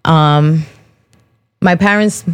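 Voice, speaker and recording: A woman's voice: low-pitched, very slow, smooth. Slangy, candid New woman host. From New Jersey, USA. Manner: candid, slangy, many "um" fillers. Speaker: podcast host. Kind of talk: casual personal monologue.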